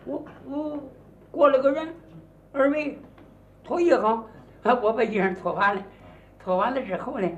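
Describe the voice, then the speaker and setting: A man leads a comic crosstalk routine in the voice of a naive, boastful country bumpkin, stumbling over a word here and there. His voice sits high and swings widely in pitch. He sounds like a live stage recording. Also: animated, moderate pace, a bit bright, lo-fi sound. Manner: rustic bumpkin storyteller, boastful and naive, stammers now and then. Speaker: lead comic in a crosstalk duo.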